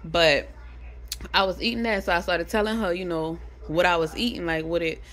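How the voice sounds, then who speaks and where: A young adult woman vlogging, telling a casual story to camera, animated and chatty, swearing freely. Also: fairly low pitch, moderate pace.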